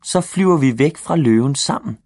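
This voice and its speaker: A man's voice: a little high, lively intonation, darkish tone, no room sound, studio quality, voice pushed up. A man voicing a distracted father in a read-aloud storybook, answering in an absent, mumbling way. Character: distracted father reading his newspaper.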